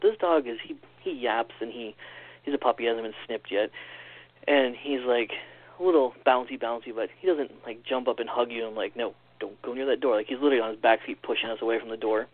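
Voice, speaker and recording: A man telling a strange personal story in a casual, animated way, acting out what others said, on a phone-like recording. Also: medium pitch, no room sound. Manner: animated, quick storyteller acting out quoted lines. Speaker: podcast guest. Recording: tinny phone-like line.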